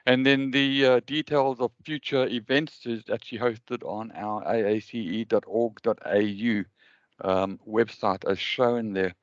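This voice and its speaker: A South African man opens an online webinar in a smooth, resonant voice, stopping often to fill gaps with ums and uhs. The sound is dry and a little muffled, like audio from a video call. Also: fairly low pitch, fairly even intonation, unhurried, no echo. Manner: hesitant, many ums and uhs. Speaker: webinar host.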